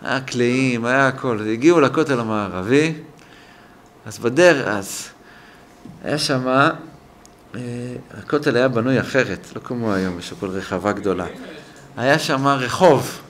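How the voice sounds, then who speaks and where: An older man tells a story in a sermon at his synagogue. He is animated and acts out the people in his story. A faint hum of the hall sits behind him. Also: medium pitch. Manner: animated storytelling, acting out quoted voices. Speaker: rabbi giving a synagogue lesson.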